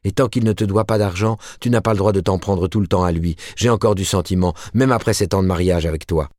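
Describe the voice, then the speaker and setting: Man voicing a weary wife, plaintive, lifted well above a deep voice, dry recording. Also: quick pace, darkish tone, no room sound, natural voice. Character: worn-out, sighing working-class wife, quietly defiant.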